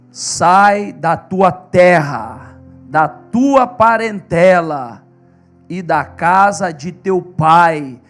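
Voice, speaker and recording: A man voicing God as a slow, solemn, thundering male voice giving commands. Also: high-pitched, fairly bright tone, heavily acted.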